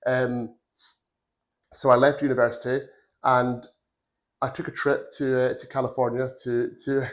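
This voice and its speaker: A man in his forties, from Glasgow, telling his career story as a podcast guest. He rambles in an earnest way, with a voice of middling pitch for a man. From Glasgow, Scotland. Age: 40s. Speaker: podcast guest, recruitment firm founder. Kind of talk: casual career interview.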